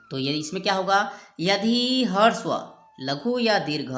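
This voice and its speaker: A woman teaching grammar at a slow, unhurried pace, patiently repeating each sound and example. Her voice sits a little low and rings in an echoey room, with faint music underneath. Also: fairly bright tone. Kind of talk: explaining step by step with a whiteboard.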